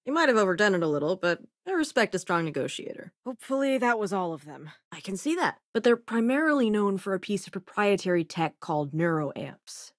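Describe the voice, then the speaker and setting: In acted video game dialogue, a woman voices a sassy, self-assured young scientist and smuggler who travels as a companion in a space game, with a wry, casual manner. She speaks brisk and lively at medium pitch with barely a pause, sounding close to her everyday voice in a clean, echo-free studio recording.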